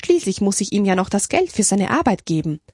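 A woman voicing an older mother superior in a storybook, calm and a bit absent-minded. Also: mid-range voice, brisk, slightly rough, no echo, studio quality.

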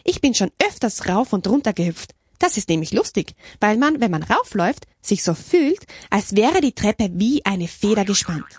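A woman's voice: medium pitch, big pitch swings, moderate pace, few pauses, slightly rough, no echo, clean studio sound. A woman voicing a talkative young nun in a storybook, chattering and wide-eyed. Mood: cheerful.

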